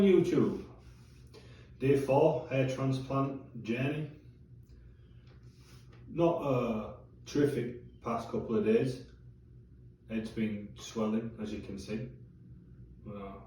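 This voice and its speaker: A low-voiced man talks in a candid, chatty video-diary way, dropping the odd swear word. His tone is dark and mellow. He is picked up from a distance in a very echoey room with faint hiss behind him. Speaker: vlogger. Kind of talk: casual vlog diary.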